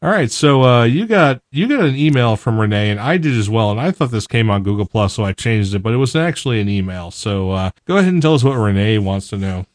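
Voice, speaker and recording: A man co-hosting a podcast in easygoing chat. His voice sits a little low, and he keeps restarting with fillers. The sound is close and dry. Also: lively intonation, fast, few pauses, dry recording. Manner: chatty, many fillers and restarts. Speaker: podcast co-host. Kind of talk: casual chat.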